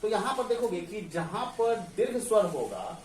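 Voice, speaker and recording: A man's voice: high-pitched, very animated, normal speed, a little mellow. A man teaches grammar in a classroom and keeps asking the students whether they understand. His voice carries through an echoey room. He stands some distance from the mic, with a faint hum of ambience behind him. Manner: asks the class questions and answers them himself, often checks "clear?".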